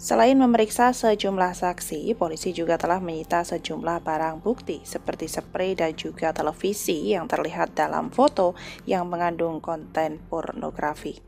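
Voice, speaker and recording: Low, heavily gravelly female news host, casual chatty reads, soft music bed. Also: fairly even intonation, normal speed. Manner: chatty reading, addresses listeners as "gengs".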